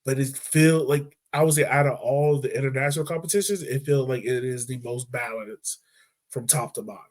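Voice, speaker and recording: Speaking fairly quickly in a mid-range voice, this soccer podcast host keeps things casual. His talk is loose and laid-back, full of "um" and "like."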